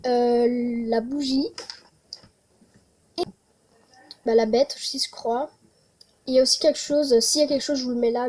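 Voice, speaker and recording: Chatty young girl, mellow tone. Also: fairly high pitch. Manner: chatty, many hesitations. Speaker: vlogger. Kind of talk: casual wishlist vlog.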